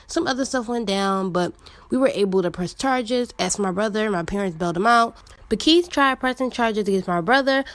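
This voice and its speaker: A woman recounting a personal story in a casual storytime. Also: fairly high pitch.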